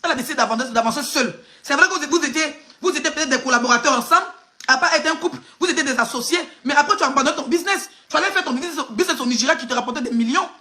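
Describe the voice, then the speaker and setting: A woman's voice: sits high, racing, sharp tone. A woman from Côte d'Ivoire with an Ivorian French accent, doing live gossip commentary in a mocking, emphatic way that speaks straight to the person she criticizes. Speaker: online gossip blogger.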